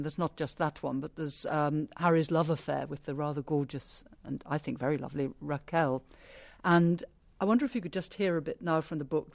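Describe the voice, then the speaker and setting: A radio presenter leading an interview in a chatty, teasing way, with lively asides. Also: mid-range voice, vocal fry.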